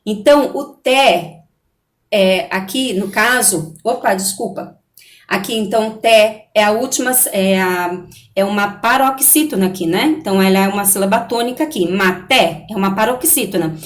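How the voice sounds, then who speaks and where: A woman's voice: medium pitch, moderate pace. A woman teacher giving a recorded online lesson to young students, patient and explaining step by step, checking in often with the class. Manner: patient, repeats "né?" and "tá certo?" often. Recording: echoey room.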